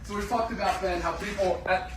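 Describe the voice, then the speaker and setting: A man's voice: sits high, fairly even intonation, brisk. Upbeat salesy man, distant and echoey. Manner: upbeat, salesy, emphatic praise. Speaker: product formulator, co-presenter. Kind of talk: casual promotional product talk. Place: indoor warehouse. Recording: echoey, noisy room, distant mic.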